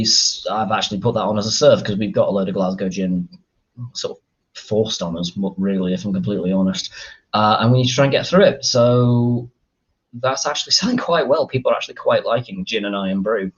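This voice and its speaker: A man chats casually through a live stream as a gin reviewer, rambling and hesitant, with plenty of fillers and the occasional swear word. His voice sits on the low side with a slightly husky edge. The recording sounds dull and lo-fi. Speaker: gin reviewer, channel host.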